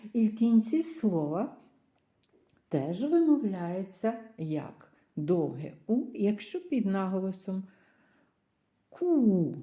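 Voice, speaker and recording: A woman's voice: mid-range voice, warm tone. A woman teaching English vocabulary, drawing out each word carefully and pairing it with its meaning. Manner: carefully drawn-out pronunciation of word pairs. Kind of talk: slow vocabulary lesson.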